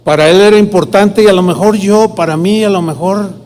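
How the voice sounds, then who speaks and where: Man, pastor, sermon testimony, high voice, reverberant church hall. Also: a little fast, darkish tone. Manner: storytelling, acts out dialogue in quoted voices.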